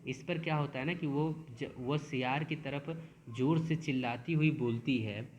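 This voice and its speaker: Man teaching a lesson, slow careful reading. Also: medium pitch, darkish tone, muffled recording. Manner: reads verses slowly, then explains with frequent restarts.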